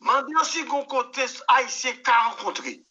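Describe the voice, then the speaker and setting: A man's voice: extremely high pitch, animated, moderate pace, bright, forceful tone, muffled recording. A man with a Haitian Creole accent, a musician guest on a radio interview, talking emphatically, repeating words and telling anecdotes with quoted dialogue. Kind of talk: animated interview answers.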